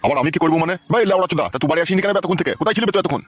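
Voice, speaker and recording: A furious, foul-mouthed father, played by a man rattles off curses at breakneck speed. His voice sits a little high. Faint hiss runs behind him. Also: dull audio, lightly acted. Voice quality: shouting, rapid-fire cursing. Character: foul-mouthed angry middle-aged father. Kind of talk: comic skit.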